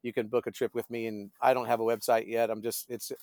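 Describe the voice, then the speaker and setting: A man's voice: mid-range voice, level tone, fast talker, a little mellow, no room sound, studio quality. A middle-aged man, a pastor and fishing guide, chatting as a podcast guest and often searching for his words. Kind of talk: casual conversational storytelling.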